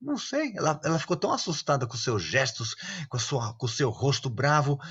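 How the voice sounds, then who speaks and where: A man giving tips to children's teachers in an online class, lively and acting out examples, often asking his listeners "right?". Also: mid-range voice, brisk, breathy edge, muffled recording. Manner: lively, acts out examples, often asks "né, gente?". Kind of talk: online class, casual explanatory talk.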